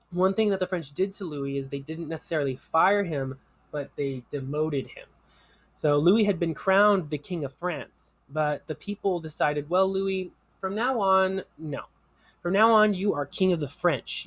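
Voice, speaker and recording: Male history teacher, fairly high voice, casual explanatory lecture delivery, dry recording. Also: no room sound. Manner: explanatory, conversational, with fillers and asides.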